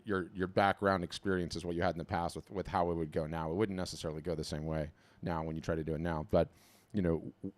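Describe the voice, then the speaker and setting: Deep-voiced, energetic man hosting a webinar. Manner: energetic, animated, repeats words when starting a thought. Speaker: webinar host. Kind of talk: casual coaching talk on a webinar.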